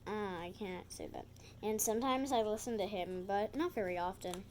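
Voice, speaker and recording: A woman's voice: medium pitch, noisy background. A woman reading a children's picture book aloud, stumbling over words and correcting herself. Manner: halting reading with slips and self-corrections.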